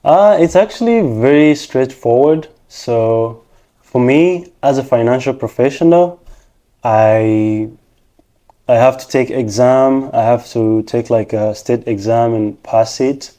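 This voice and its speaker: Guy being interviewed, super mellow dark voice, explains stuff patiently point by point. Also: medium pitch, slow. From Rwanda. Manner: patient, explanatory, steps through points one by one. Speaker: interview guest, technician and financial professional. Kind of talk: casual interview answers.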